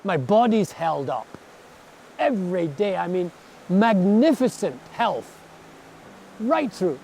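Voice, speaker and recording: A Scottish man in his sixties, reflecting in a documentary interview, thoughtful and earnest, pausing and repeating words as he searches for them. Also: high voice, big pitch swings, vocal fry, darkish tone, a little hiss or hum. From Scotland. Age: 60s. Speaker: barefoot walker interviewed.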